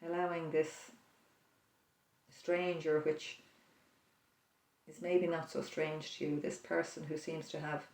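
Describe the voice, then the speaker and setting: A prayer leader's creaky, medium-pitched voice gently guides listeners through a quiet scene in their imagination. The pace is slow with reflective pauses and a flat tone. The sound is distant and roomy, with strong echo.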